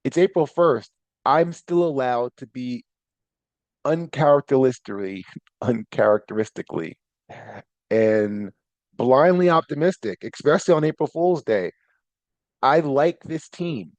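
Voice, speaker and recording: A man's voice: mid-range voice, animated, measured pace, pauses often, a little mellow, dry recording, dull audio. A man hosting his own podcast, talking casually in a rambling, self-correcting way with bursts of animation. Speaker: podcast host. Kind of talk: casual solo podcast talk.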